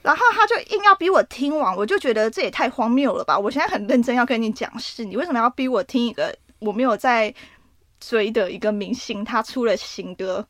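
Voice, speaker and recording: A young woman with a Taiwanese Mandarin accent, co-hosting a podcast and recounting a dream in a casual, animated way that often breaks into laughter. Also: on the high side, fairly quick, no echo. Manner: animated, laughs often while telling a story. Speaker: podcast co-host. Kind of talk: casual storytelling chat.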